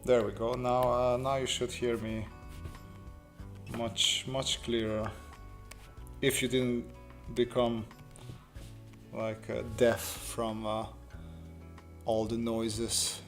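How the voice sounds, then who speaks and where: A man's voice: medium pitch, level tone, slow, long pauses, faint music behind. A man chatting casually with viewers while he draws on a livestream, joking and laughing at himself. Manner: joking, self-deprecating, laughs often. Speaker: artist streaming a sketch session.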